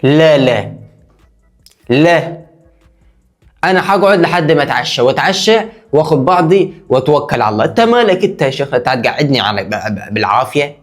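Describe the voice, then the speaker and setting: A man's voice: fairly high pitch, expressive, fast talker, soft background music. A man with an Egyptian Arabic accent giving mock-indignant comedic commentary in a sarcastic tone.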